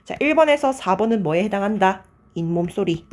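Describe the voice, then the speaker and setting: A woman teacher runs an exam-prep grammar lecture at a brisk clip, her pitch rising and falling in wide swings. She keeps asking her students to confirm each answer before she moves on. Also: expressive, darkish tone.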